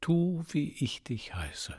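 A man's voice: very animated, slow pace, breathy edge, full character voice. A man reading a sorrowful prince statue. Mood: gently insistent. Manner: soft, low and tender. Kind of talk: audiobook fairy-tale reading.

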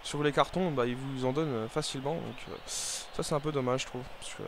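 A young man commenting casually on his own football video game, rambling and hesitant with many fillers and restarts, breaking into excited shouts at the game. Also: medium pitch, fairly quick, background noise. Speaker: gaming video creator.

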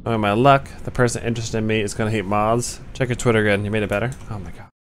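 A man's voice: fairly low pitch, steady tone, quick pace, slight background noise. A young man streaming a game live, chatting loosely with his viewers and swearing often. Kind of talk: live gameplay commentary.

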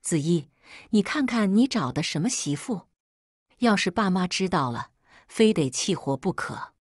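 A woman's voice: lively intonation, unhurried, breathy edge, dry recording, studio quality. A woman voicing a scheming, insulting middle-aged sister-in-law in a storybook reading. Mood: scolding. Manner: scolding, shrill and insulting.

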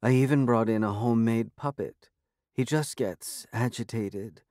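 A man doing a soft-spoken young woman. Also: medium pitch, no room sound, clean studio sound, natural voice. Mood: calm. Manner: soft, slow, matter-of-fact. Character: earnest, gentle young woman tutor.

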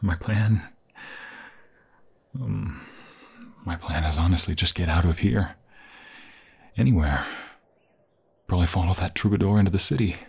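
A man plays a young vampire fiancé, anxious and tender, in an intimate ASMR roleplay, speaking haltingly with emotion and often sinking into a breathy whisper. His voice sits low with a darkish tone, fully in character, and he sounds anxious and distressed.

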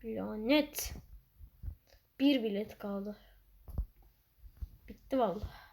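A woman giving playful, excitable gameplay commentary as she plays, breaking into loud outbursts. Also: medium pitch, takes it slowly, creaky. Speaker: gaming channel host.

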